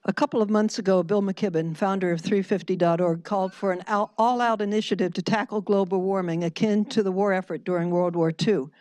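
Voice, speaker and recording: A woman reads a written public comment to a board in a measured way. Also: medium pitch, steady tone, darkish tone. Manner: measured, reading a written statement.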